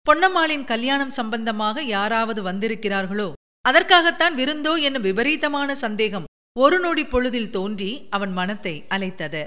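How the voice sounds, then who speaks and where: A woman narrating a novel aloud in an expressive storytelling manner. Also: fairly high pitch, moderate pace. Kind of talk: audiobook novel reading.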